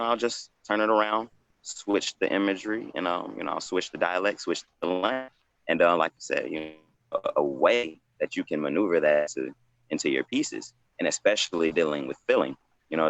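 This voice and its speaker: Man, extremely low voice, creaky fry, reflective poet, loose rambling panel talk. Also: fairly bright tone. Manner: loose, rambling, frequent "you know".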